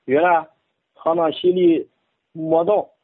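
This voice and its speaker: A modest, quiet man from Henan speaking in Henan dialect as a radio co-host, reading aloud. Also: fairly high pitch, sing-song, slow pace, gravelly, no echo, phone-quality sound. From Henan, China. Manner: modest, quiet, laughs shyly.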